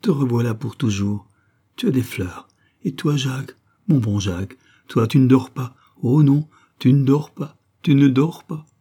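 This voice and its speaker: A man's voice: mid-range voice, expressive, normal speed, mellow, breathy edge. A man voicing a fragile young woman in an audiobook, overjoyed and near tears, pleading and repeating herself. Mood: distraught. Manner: pleading, repetitive, emotional. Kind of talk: audiobook character reading.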